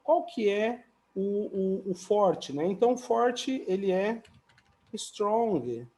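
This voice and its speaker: A man's voice: sits high, lively intonation, slow, darkish tone. A man teaching English comparatives in a casual, chatty video lesson, often adding little tag questions and light jokes.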